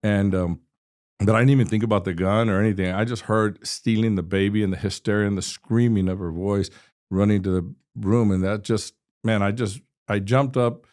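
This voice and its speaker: Low-voiced man in his sixties recounting a story. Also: steady tone, normal speed, a little mellow. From Texas. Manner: earnest, vivid retelling with frequent restarts. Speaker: state representative, podcast guest. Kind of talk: personal storytelling in an interview.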